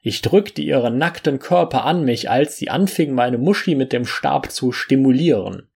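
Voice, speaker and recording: A man narrating a first-person story as an audiobook, reading in an unhurried way with small slips and restarts. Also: mid-range voice, animated, vocal fry, darkish tone, husky.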